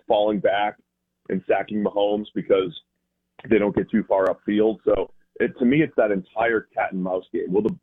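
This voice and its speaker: A Boston-area American calls a radio show and chats through football analysis, restating ideas as he explains them. His voice is lowish and slightly rough, coming through a thin, phone-like guest connection.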